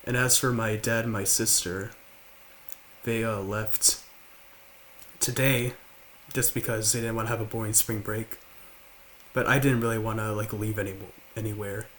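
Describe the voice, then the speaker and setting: A young man in his late teens with a slight lisp, talking quietly and haltingly to the camera at home. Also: lowish voice, level tone, slight background noise. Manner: halting, with many fillers and restarts. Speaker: vlogger. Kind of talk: confessional talk to camera. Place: large house, indoors.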